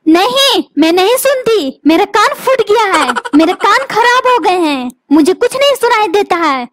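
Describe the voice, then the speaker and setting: A woman's voice: extremely high pitch, sing-song, normal speed, background noise. A woman voicing a dramatic, quarrelsome cartoon wife who whines and trades insults, with music behind. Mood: sarcastic. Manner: whiny, complaining, insulting. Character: dramatic complaining wife, middle-aged, quarrelsome. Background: background music.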